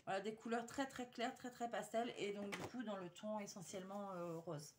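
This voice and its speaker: Woman, casual haul vlogger, chatty and hesitant, mid-pitched, faint background hiss. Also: fairly even intonation, normal speed. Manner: chatty, hesitant, many fillers and restarts. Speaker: vlogger showing a paper haul. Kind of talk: casual chat to viewers.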